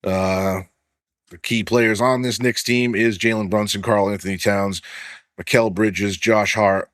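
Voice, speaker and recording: A man's voice: lowish voice, fairly even intonation, unhurried, fairly bright tone, dry recording, clean studio sound. A man hosting a casual sports podcast, swearing freely and leaning on fillers while he reads off stats. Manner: loose and profane, heavy on filler "like", reads stats aloud. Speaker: podcast host.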